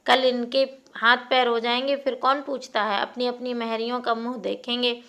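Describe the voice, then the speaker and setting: A woman reading a classic short story aloud in a steady, expressive narration. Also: on the high side, normal speed.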